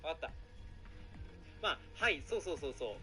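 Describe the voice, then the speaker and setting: A man chatting casually on a live stream, excitable and rambling, often apologizing for being too loud. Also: fairly high pitch, brisk. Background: background music.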